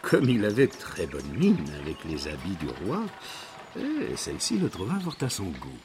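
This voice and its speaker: A man reading a fairy tale aloud in an expressive, dramatic storyteller manner. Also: fairly low pitch, moderate pace. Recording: narration over background music.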